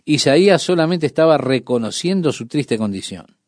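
A man preaching a sermon on the radio, speaking in a measured, emphatic way and addressing the listener directly. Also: on the high side, expressive, darkish tone, dry recording, studio quality.

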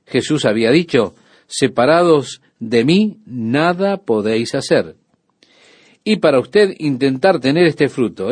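A man giving a radio sermon, preaching calmly and measuredly with frequent pauses. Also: fairly high pitch, slightly rough, dry recording. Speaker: radio Bible teacher.

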